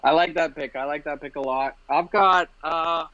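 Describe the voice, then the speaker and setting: A man from India talks fight bets in a casual podcast chat, his voice sitting a little high. He rambles and restarts his sentences often. The recording is dull and lo-fi, with a dry, close sound. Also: steady tone, pushed and bright, dry recording. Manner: quick, rambling, many restarts. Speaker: podcast co-host.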